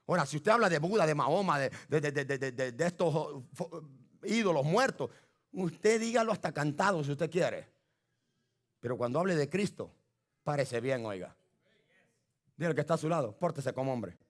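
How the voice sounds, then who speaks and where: A man preaching a fiery sermon to his church on a microphone, shouting and exhorting the congregation. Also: a little high, lively intonation, normal speed. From Latin America. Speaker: pastor. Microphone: handheld microphone.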